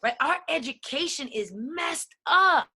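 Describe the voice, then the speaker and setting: Animated and unhurried, a high-pitched woman with a sharp tone speaks as a podcast guest. She argues passionately and emphatically, often tossing in "right?"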